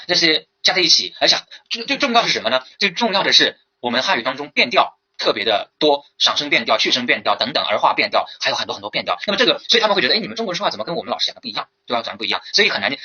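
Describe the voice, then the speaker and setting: A man lecturing very quickly in a bright, sharp, slightly husky voice, his pitch leaping about as he fires off rhetorical questions. It sounds like a dull lo-fi lecture recording. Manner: lively lecturing, many rhetorical questions and fillers. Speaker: Chinese language teacher. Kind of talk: recorded lecture for teacher certification exam.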